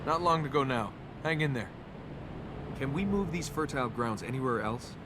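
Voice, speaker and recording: A male actor plays a roguish young tomb robber in naturalistic video game dialogue, casual and wry but guarded and cynical. His medium-pitched voice is expressive and lightly acted at normal speed, with noticeable game ambience and background noise.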